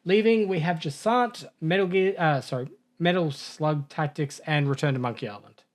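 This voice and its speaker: A man co-hosting a gaming podcast in casual chat, upbeat and joking, briskly reading through lists of game updates. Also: fairly high pitch. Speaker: podcast co-host reading news.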